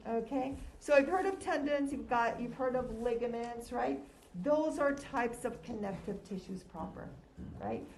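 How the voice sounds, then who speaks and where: A woman's voice: fairly high pitch, expressive, unhurried, a little mellow. A woman giving a conversational classroom lecture through a face mask, slightly muffled, putting questions to her listeners and answering them. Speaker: lecturer teaching anatomy and histology. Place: lecture room, recorded as audio. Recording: roomy, echoing lecture room with background noise.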